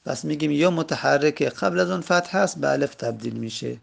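A man teaching a grammar lesson, going slowly and repeating each example word. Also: on the high side, lively intonation, vocal fry. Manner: slow, repetitive, drawing out example words. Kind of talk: Arabic grammar lesson in Persian.

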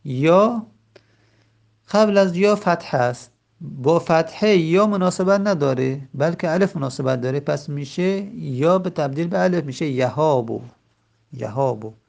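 A man teaching a grammar lesson. He says the example words slowly and drawn out, then explains quickly. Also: fairly high pitch, gravelly, a little mellow.

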